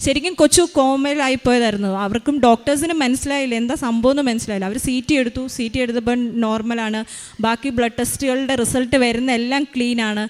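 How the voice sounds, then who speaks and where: A woman's voice: fairly high pitch, fast. A woman in her thirties giving a spoken faith testimony as a mother, retelling events earnestly with many hesitations.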